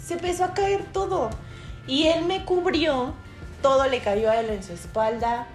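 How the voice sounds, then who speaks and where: A woman's voice: fairly high pitch, echoey room. A young Mexican woman with a Mexican Spanish accent, co-hosting a casual podcast and telling a dramatic personal story with lots of fillers and acted-out quotes. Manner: animated storyteller, acts out shouted quotes, many fillers. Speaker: podcast co-host.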